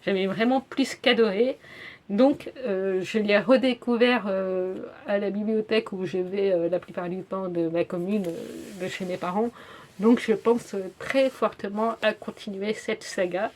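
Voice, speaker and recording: A woman's voice: medium pitch, steady tone, a little slow, darkish tone. A young woman chatting casually in a book review vlog, with frequent fillers and self-corrections. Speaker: book YouTuber.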